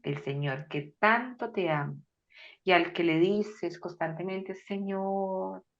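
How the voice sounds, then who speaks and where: Lively woman, lowish voice. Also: slow, lo-fi sound. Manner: animated, acts out quoted voices with sudden loud exclamations. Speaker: guest speaker. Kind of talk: faith-based podcast conversation.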